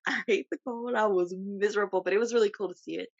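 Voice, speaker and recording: Speaking fast in a steady, mid-range voice, a woman co-hosts a podcast, laughing often as she shares stories in casual chat. The recording is dry, with a dull lo-fi quality.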